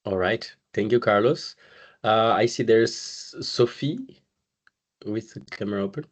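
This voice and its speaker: A man from Brazil, a community manager, hosting an online webinar in a relaxed, conversational way over a video call. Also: lowish voice. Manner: relaxed, conversational, pauses often with "uh" and "um". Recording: slightly muffled video call audio.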